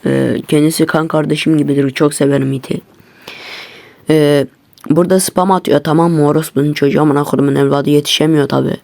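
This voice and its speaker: A man vents to his channel's viewers in a fuming, profanity-laden rant. His voice sits somewhat high and has a gravelly, fried edge. The sound is close and dry, with no room in it. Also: flat delivery, fairly quick, darkish tone, dry recording. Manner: heavily profane, agitated ranting. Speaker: YouTuber. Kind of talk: angry casual rant to viewers. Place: at his computer.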